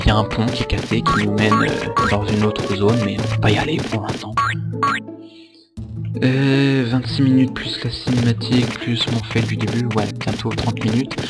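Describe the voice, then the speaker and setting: A man's voice: lowish voice, little pitch movement, normal speed. Rambling man commentating a video game. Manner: rambling and joking, many fillers, swears at mistakes. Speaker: let's play host. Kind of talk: casual gameplay commentary. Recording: loud game music behind.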